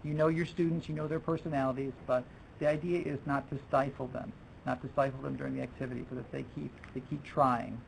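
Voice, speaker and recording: A man's voice: medium pitch, little pitch movement, fast, creaky, a little hiss or hum, low-quality recording. A man presenting a teaching workshop to fellow teachers in a chatty way, restarting his sentences and dropping in French phrases.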